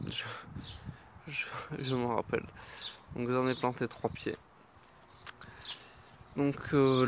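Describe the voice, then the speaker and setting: A man giving a casual tour of his vegetable garden, talking in an unhurried, hesitant way with many fillers. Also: mid-range voice, background noise.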